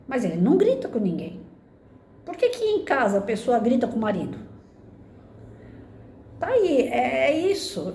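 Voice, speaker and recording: A woman's voice: a little high, dark tone, echoey room, a little hiss or hum. A woman in her fifties, a former teacher, giving earnest conversational advice on family life and often ending phrases with tag questions. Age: 50s. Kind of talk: casual spoken reflection to camera.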